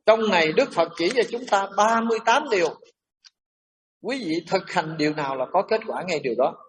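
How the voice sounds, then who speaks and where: A man preaching as a Buddhist monk, emphatic and animated, dropping in English and French terms. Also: high voice, fairly quick, recorded from a distance. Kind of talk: sermon to a congregation.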